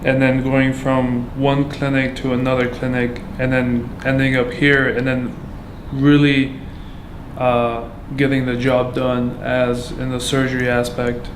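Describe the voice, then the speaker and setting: A man from Afghanistan giving a candid account as a patient, halting and full of fillers and restarts. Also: medium pitch, completely flat delivery. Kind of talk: candid personal testimony. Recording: echoey room with background noise.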